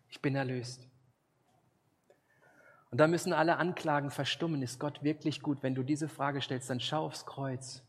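A man's voice: mid-range voice, slightly rough. A man preaching a sermon, earnest and emphatic, speaking directly to his listeners.

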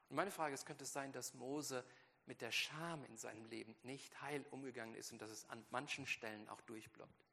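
A man's voice: medium pitch, creaky, pushed and bright. A man preaching a sermon with strong emphasis, acting out biblical quotes in a raised voice. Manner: emphatic, acts out quotes in a heightened voice. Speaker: pastor. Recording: long hall reverb.

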